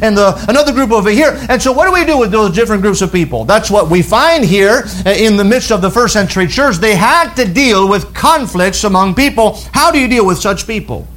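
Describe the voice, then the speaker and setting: A high-pitched man preaches a sermon in an earnest, deliberate way. He slows down and drops his voice low to stress key words. He talks as a pastor speaking to his congregation. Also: expressive, fairly bright tone.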